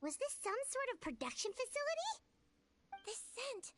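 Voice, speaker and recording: A woman's voice: very high-pitched, big pitch swings, moderate pace, fairly bright tone, full character voice. A woman voicing a young, cute, earnest girl nurse in a video game dub, with a sweet, bubbly, childlike delivery. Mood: curious.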